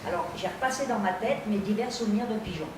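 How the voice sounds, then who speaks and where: An actress playing a dry, precise woman who speaks with deadpan, formal wit. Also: medium pitch, fast, close to an everyday voice. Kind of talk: stage comedy scene. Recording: distant mic in an echoey theatre, audience noise.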